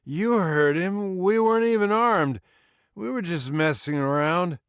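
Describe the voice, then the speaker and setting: A frightened drunk man stammers in a high, whiny voice, as an audiobook narrator puts him on. His pitch jumps around with nervous bluster. The reading is dry and close. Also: lively intonation, measured pace, fairly bright tone, clean tone, dry recording, exaggerated voice. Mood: pleading. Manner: stuttering, whiny pleading. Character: scared drunk man, blustering then pleading.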